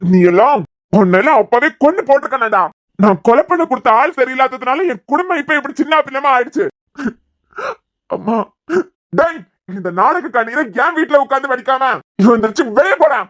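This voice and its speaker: A threatening cartoon father with a Kanyakumari Tamil accent, all scorn and shouted threats, as a woman plays him. The voice sits rather high. The sound is dry and close. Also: expressive, brisk, dry recording, lightly acted. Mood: furious. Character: angry middle-aged father, menacing head of house. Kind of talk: cartoon web series voice acting.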